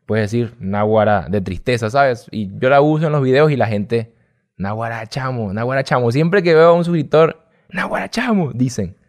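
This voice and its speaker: A young man from Venezuela with a Venezuelan accent, telling stories in a casual, slangy interview chat as a guest. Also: mid-range voice. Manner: chatty, storytelling, slangy. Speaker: guest, gamer youtuber.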